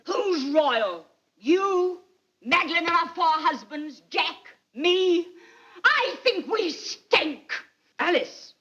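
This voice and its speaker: A woman's voice: very high-pitched, sing-song, slow pace, fairly bright tone, full character voice. A brash, needling society lady. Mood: scornful. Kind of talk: 1940s studio film acting. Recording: dull lo-fi old film soundtrack.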